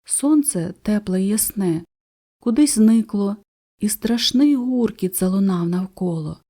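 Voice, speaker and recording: A woman narrating a fairy tale audiobook for children in a gentle, expressive way. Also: mid-range voice, measured pace. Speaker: storyteller.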